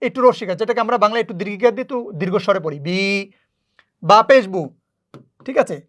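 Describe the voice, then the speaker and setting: Patient teacher for a beginner lesson, clear and repetitive. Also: medium pitch. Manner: patient, repeats rules slowly. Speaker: Quran reading teacher. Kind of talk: step-by-step lesson.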